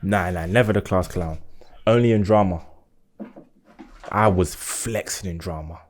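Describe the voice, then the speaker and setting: Casting: male podcast co-host, twenties, lowish voice, London roadman accent, punchy slang interjections, casual. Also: unhurried. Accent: London urban roadman slang accent. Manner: slangy, short repeated interjections. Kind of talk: casual banter and chat.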